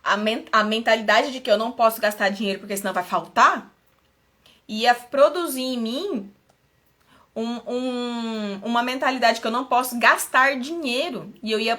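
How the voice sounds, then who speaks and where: A woman's voice: on the high side, a bit bright. A woman from Brazil, a mentor giving an earnest, personal motivational talk on a live stream, often repeating and restarting her phrases.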